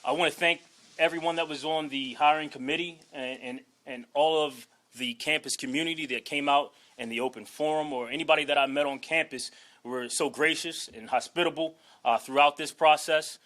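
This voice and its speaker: This is a fairly high, steady, slightly bright voice moving a little fast. It belongs to a forty-something Washington, D.C. man introducing himself as a new head football coach at a press conference, speaking emphatically and earnestly while restraining his emotions and punctuating points with "okay?" and "all right?"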